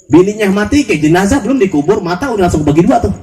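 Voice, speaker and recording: A man preaching a humorous sermon to a congregation, quizzing the crowd with repeated questions and mimicking people in quick asides. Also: high-pitched, animated, dark tone, distant mic, soft background music. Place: outdoor park gathering.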